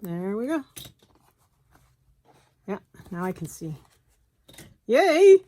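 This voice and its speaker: A woman's voice: fairly low pitch, animated, takes it slowly, darkish tone. A woman giving a casual hands-on tutorial, chatting and talking to herself as she works, with apologetic asides. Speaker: crafter demonstrating bookbinding. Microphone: phone camera close by.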